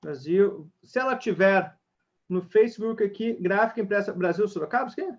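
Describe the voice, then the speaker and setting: A man's voice: sits high, fairly quick. A man leading an online sales webinar, talking energetically straight to the audience. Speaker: sales trainer. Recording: dull lo-fi webinar audio.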